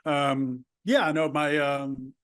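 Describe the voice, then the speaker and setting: This guest, a man from the El Paso border region of the US whose first language is Spanish, rambles casually through his life story, often starting over. He has a fairly high, fairly bright voice with a steady tone and draws his words out.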